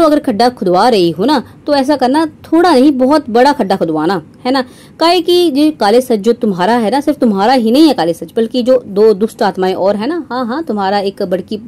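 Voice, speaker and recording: A woman's voice: a little high, dark tone. A young woman reaction vlogger talking straight to her viewers, mocking and sarcastic, often tagging her lines with a rhetorical question. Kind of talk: scornful commentary to viewers.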